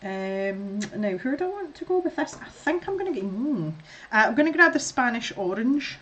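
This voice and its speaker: A woman's voice: fairly high pitch, very animated, normal speed, a bit bright, muffled recording, slight background noise. A middle-aged woman with a Scottish accent chatting casually to viewers while she colours, rambling and laughing often. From Scotland. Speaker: art streamer.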